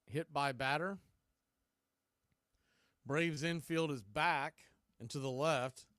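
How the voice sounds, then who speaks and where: An American man calls a baseball game live, play by play. His voice is smooth, resonant and a bit high for a male, with a slow pace and a fairly bright tone. The recording is dry, with almost no room sound.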